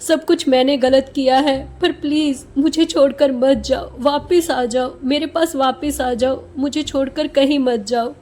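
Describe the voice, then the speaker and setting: A woman's voice: high voice, steady tone, unhurried, few pauses, a little mellow. A woman voicing a small crying boy begging his parents not to leave. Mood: pleading.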